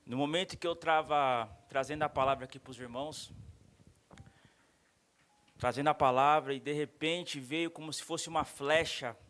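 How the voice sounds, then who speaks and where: A man's voice: a little high, steady tone, normal speed, fairly bright tone. A man, a pastor giving an earnest, emotional testimony sermon in a church. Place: church sanctuary.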